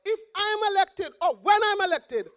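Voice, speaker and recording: A woman's voice: very high-pitched, animated, moderate pace, a bit bright. A woman with a Montserrat accent giving an impassioned, pleading rally speech as a political candidate, repeating her slogans.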